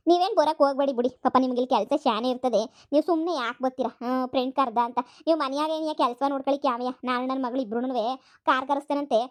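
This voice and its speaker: A woman's voice: sits high, natural voice. A woman voicing a scheming, greedy mother in a cartoon comedy, nagging and wheedling. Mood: boastful. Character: scheming greedy rural mother, middle-aged.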